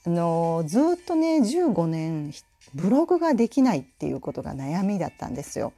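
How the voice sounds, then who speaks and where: A woman's voice: fairly low pitch, brisk. A Japanese woman from Tokushima with a mixed Tokushima and Kansai accent, hosting her own radio talk in a chatty, laughing manner. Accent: Tokushima and Kansai mix. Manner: chatty, animated, laughs often. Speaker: podcast host and color school head. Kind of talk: casual solo radio talk.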